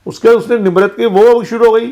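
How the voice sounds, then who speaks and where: Man, high-pitched voice, casual TV recap vlog, retells arguments line by line. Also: fairly even intonation, normal speed, mellow. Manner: retells quarrels by quoting each person in turn. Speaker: show recap vlogger.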